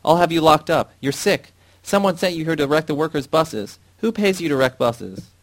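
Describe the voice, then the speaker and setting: A man's voice: mid-range voice, sing-song, fast, darkish tone. A man voicing a young, dumb and ruthless male foreman who bellows his orders, in a read-aloud story. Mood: furious.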